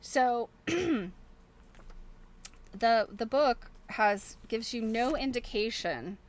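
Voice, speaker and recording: This quilting show host, a middle-aged woman, has a slightly high, expressive voice and draws out her words. She chats casually and chuckles while showing viewers things, thinking aloud in a rambling manner.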